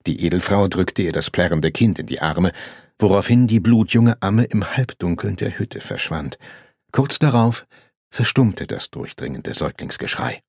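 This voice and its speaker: A man reading a historical novel aloud as an audiobook narrator, in a measured storytelling manner. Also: low voice, expressive, slightly rough, no room sound, studio quality.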